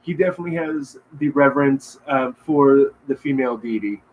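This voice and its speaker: A man co-hosting a casual livestream chat, easygoing and joking, adding quick asides. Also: mid-range voice, narrow, tinny audio, slight background noise. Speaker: podcast co-host.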